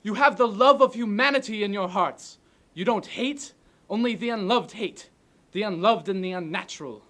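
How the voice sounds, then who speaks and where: A man playing an impassioned orator giving a ranting, shouted, emphatic dictator-style speech. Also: high-pitched, normal speed, pitched above the performer's own voice. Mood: impassioned, defiant. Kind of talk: dramatic speech recitation.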